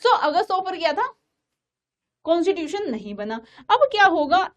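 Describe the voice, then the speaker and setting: High-voiced woman teaching a lively lecture. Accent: Indian English. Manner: storytelling, coaxing students, frequent "theek hai" checks. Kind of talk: online exam-prep lecture.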